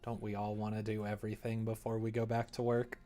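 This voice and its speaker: A young man livestreams casually from a computer in an indoor room while developing a visual novel, thinking aloud in a meandering, muttering way. His voice is fairly low, monotone, and mellow, and he speaks briskly.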